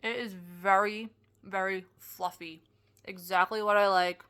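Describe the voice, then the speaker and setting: A young woman talks through a snack review for her vlog in a bright, clear-toned voice. She is chatty and excitable, full of "like" and half-finished restarts. Her pitch sits in an ordinary middle range for a woman. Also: unhurried. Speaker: product reviewer.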